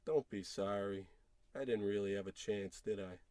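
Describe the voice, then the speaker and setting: In an old-time radio comedy, a man plays a frustrated, self-pitying unemployed husband, bitter and dejected, rambling wordily with indignant sarcasm and theatrical flair. His voice is lowish and darkish at a normal pace, natural-sounding with no echo.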